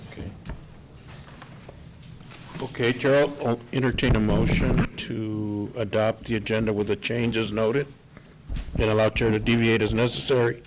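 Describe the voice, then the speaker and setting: A man's voice: on the low side, little pitch movement, unhurried, long pauses, background noise. A man chairing a county board meeting, procedural but joking with the room.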